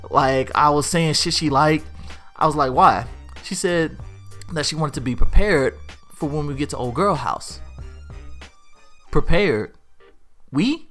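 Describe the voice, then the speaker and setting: A man telling a funny online story aloud in a casual, animated way, getting higher and louder at the wild parts. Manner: lively, swings from low to high and loud when excited. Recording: faint music behind.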